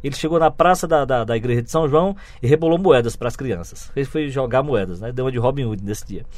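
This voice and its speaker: A man, a book's author telling lively anecdotes as an interview guest, with frequent tag questions. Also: mid-range voice, fast talker, no echo. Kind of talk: anecdotal storytelling.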